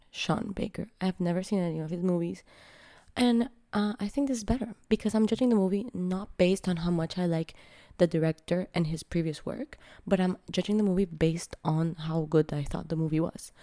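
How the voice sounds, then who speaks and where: Sick woman vlogger, blunt and mellow. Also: fairly low pitch, no echo, studio quality. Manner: candid and blunt, swears freely; frank, frustrated, self-mocking. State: sick, voice strained by illness. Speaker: vlogger reviewing a film. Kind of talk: casual opinion vlog.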